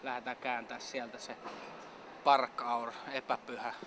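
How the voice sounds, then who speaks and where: A man's voice: mid-range voice, level tone. A man with giving a comic mock interview, bragging in a self-important, mock-serious way. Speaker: mock athlete being interviewed. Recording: outdoor street noise.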